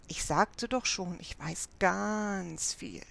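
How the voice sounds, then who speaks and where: A woman reading a tiny witch doll that boasts in slow, drawn-out lines. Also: mid-range voice, lively intonation, lightly acted. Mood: smug.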